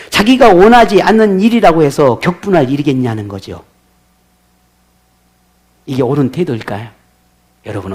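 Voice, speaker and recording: Pastor with a lively, high voice. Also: male voice. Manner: asks the congregation rhetorical questions. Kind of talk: sermon.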